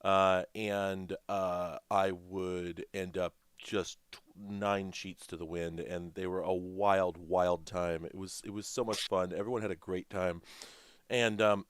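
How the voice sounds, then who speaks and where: A man's voice: low-pitched, slow pace, smooth, no echo. A man in his thirties co-hosting a casual livestream chat, rambling and joking with a ready laugh. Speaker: livestream co-host.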